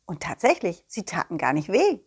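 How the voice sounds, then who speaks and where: A woman's voice: fairly low pitch, huge pitch swings, a little mellow, slightly rough. A woman telling a children's story in the first person, playful and giggly. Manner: playful, slow, giggles between lines.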